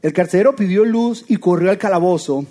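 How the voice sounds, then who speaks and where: A man preaching a sermon in a lively, conversational way, often asking his listeners rhetorical questions. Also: sits high, brisk.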